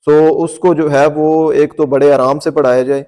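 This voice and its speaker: A man's voice: on the high side, flat delivery, mellow. A male Quran teacher explaining a recitation lesson patiently, repeating his points and checking in with the listener. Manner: breaks into slow melodic recitation to demonstrate.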